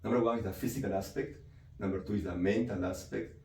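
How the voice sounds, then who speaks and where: In an interview, a psychiatrist from Peru explains his work, his voice on the low side, darkish and fairly even in intonation, delivered fast. He frequently ends sentences with "right?" or "you know." The mic sits at a distance in an echoey room, picking up faint noise.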